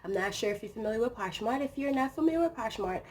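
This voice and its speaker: A woman hosting her own vlog while hoarse from a cold, her voice raspy, talking in a rambling, chatty way full of fillers in a room at home. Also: on the high side, animated, fast, a little hiss or hum. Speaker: channel host. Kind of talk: casual vlog chat. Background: soft music playing.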